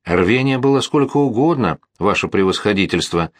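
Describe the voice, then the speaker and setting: A man's voice: lowish voice, animated, moderate pace, no room sound, studio quality. A man doing a slurring, half-deaf old colonel. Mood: shouting. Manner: slurring, shouting. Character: exhausted half-deaf male artillery colonel.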